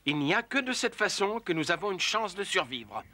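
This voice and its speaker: Bagheera, an animated high-voiced panther. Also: male voice, moderate pace, exaggerated voice. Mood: philosophical. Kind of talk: French cartoon dubbing.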